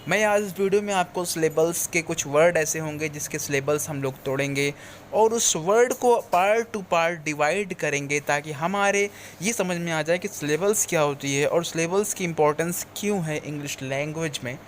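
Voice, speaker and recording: A man's voice: a little high, moderate pace, a little hiss or hum. A man teaching English pronunciation in a video lesson. He explains step by step, repeats key points and mixes English phrases into his speech.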